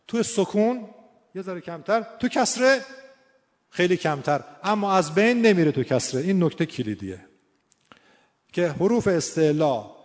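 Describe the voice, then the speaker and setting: A man's voice: on the high side, a little mellow. A male teacher giving a lesson on Quran recitation, explaining pronunciation and then demonstrating sounds by repeating and drawing out syllables. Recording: long reverb in a hall.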